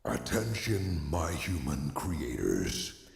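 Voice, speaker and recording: A man voicing a menacing male robot supervillain through a metallic robotic delay filter, speaking in a slow, booming announcer way. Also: sing-song, vocal fry, full character voice. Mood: commanding. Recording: heavy reverb with long tail.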